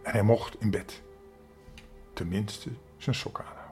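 Older guy reading a bedtime story to little kids, lowish voice, faint music behind. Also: unhurried. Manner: gentle, expressive, addresses children directly. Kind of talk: storytelling for young children.

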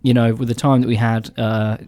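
A man's voice: medium pitch, level tone, fairly quick, darkish tone, dry recording, clean studio sound. An English-accented man co-hosting a radio show, telling anecdotes in casual chat. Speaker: radio show co-host, musician.

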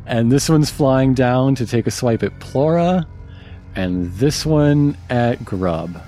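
A man running and narrating a tabletop game as game master, animated and wry. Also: medium pitch, takes it slowly. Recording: faint music behind.

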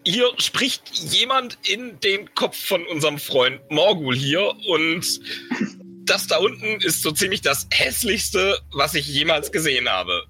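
A man playing a tabletop game, speaking in character and haltingly rallying his group. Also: on the high side, big pitch swings, sharp tone, soft background music. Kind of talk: in-character tabletop role-play discussion.

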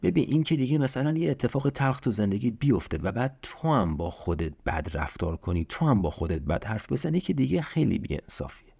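This self-help podcast host speaks at medium pitch, very animated, with a creaky, dark tone and a breathy edge. He appeals earnestly to the listener, repeating key lines and asking rhetorical questions to motivate.

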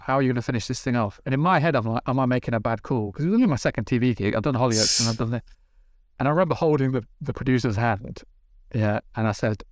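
Brit guy rattling off set stories quick, swears a lot, dry close sound. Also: mid-range voice, no echo. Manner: animated, swearing, acts out dialogue. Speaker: TV director, podcast guest. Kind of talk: casual storytelling. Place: podcast studio.

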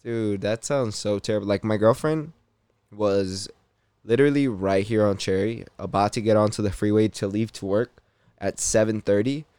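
Laid-back young man, low smooth voice. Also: steady tone, moderate pace, a little mellow, dry recording. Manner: laid-back, swears a lot, many fillers. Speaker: podcast host. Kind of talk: casual chat.

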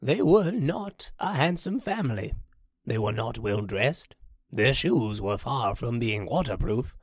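An actor playing an elderly male storyteller reading a story to a child, gentle and expressive. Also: mid-range voice, measured pace, no room sound, clean studio sound.

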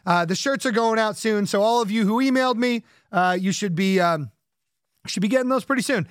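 Hosting a podcast, a man rambles casually with plenty of fillers, jokes about himself and laughs often. His voice is high-pitched and brisk, recorded dry with clean studio sound.

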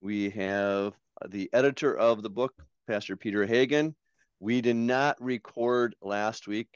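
A man who is a pastor and author hosts a podcast, leading the conversation with stories and questions. His lowish voice is smooth and unhurried, with no echo, though the lo-fi mic makes the recording slightly dull.

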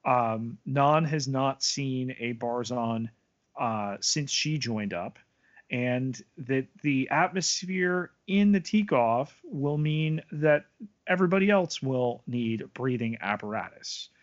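A man co-hosts a podcast, recapping a TV episode at an unhurried pace with a measured, dry delivery and the odd playful aside. His voice sits in a middle range, and the audio is a little dull and lo-fi. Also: medium pitch. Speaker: podcast co-host. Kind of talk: recapping an episode in casual chat.

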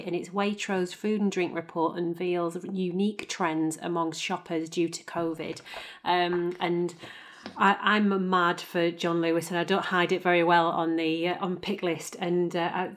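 A woman co-hosting a podcast, chatty and asking long questions. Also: lowish voice. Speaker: podcast co-host. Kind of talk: casual podcast chat.

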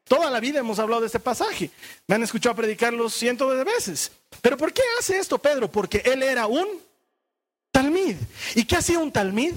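A male pastor preaching a sermon, asking the congregation questions and moving between brisk explanation and hushed emphasis. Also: very high-pitched, lively intonation.

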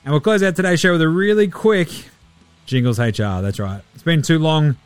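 A man's voice: fairly high pitch, brisk, clean tone, dry recording, soft background music. A man with an Australian accent hosting a sports podcast in casual, blokey, sweary chat.

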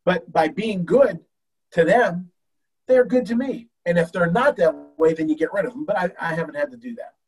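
An older man, a baseball coach, telling an emotional story in an animated way with many restarts. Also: high-pitched, moderate pace, slightly rough, recorded from a distance, rough recording. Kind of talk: storytelling in a talk show.

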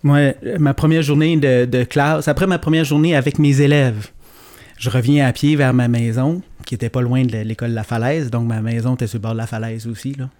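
A man's voice: mid-range voice, fairly quick. Chuckling Québécois man telling stories. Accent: Québécois French. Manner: lively storyteller, chuckles often. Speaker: guest, schoolteacher. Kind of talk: casual podcast conversation.

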